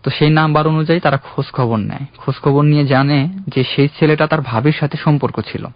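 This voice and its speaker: A man's voice: on the high side, steady tone, a little fast, dry recording. Young man earnestly telling his story. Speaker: caller. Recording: dull, dry radio studio sound.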